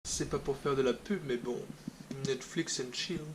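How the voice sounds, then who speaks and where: A man's voice: mid-range voice, unhurried, background noise. A man in his twenties from France, an artist chatting casually to viewers in a vlog and joking about himself. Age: 20s. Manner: chatty, joking and self-mocking. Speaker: artist and video host.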